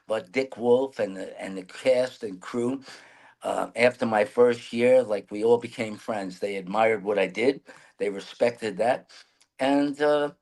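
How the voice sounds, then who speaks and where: A man's voice: mid-range voice, poor audio. A man, answering interview questions earnestly in a rambling way with restarts. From New York City. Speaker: mayoral candidate guest.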